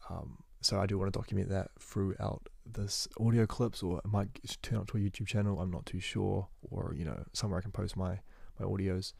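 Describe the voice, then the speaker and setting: A young man, a university student, rambling through a casual spoken journal into his phone, talking fast and correcting himself as he goes. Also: deep voice, fairly even intonation, gravelly, breathy edge, dry recording, clean studio sound. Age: young adult. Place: indoors at home. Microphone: phone recording.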